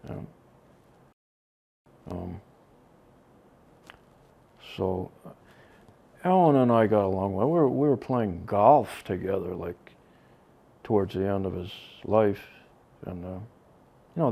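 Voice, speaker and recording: Older man, gravelly and dark-voiced, slow reflective interview talk full of ums and pauses. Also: lowish voice, lively intonation. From Connecticut. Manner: slow, halting, many ums and trailing soft phrases. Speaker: drummer interviewed about his band.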